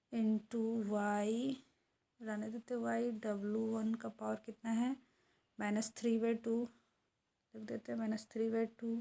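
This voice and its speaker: Woman lecturer, lesson, mellow tone, fairly high voice, talks through each step. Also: creaky. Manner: talks while writing, asks and answers own questions. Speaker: economics teacher.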